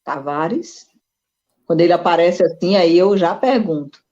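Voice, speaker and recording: Woman host over a dull, low-quality stream. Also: mellow. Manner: reflective, measured questioning. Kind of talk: live online interview.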